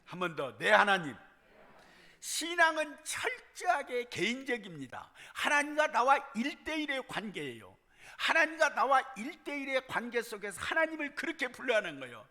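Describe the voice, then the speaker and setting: High, lively male preacher in echoing church. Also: normal speed. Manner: emphatic preaching, leads congregation in repeated responses. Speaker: pastor. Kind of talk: sermon. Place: church sanctuary. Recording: long hall reverb.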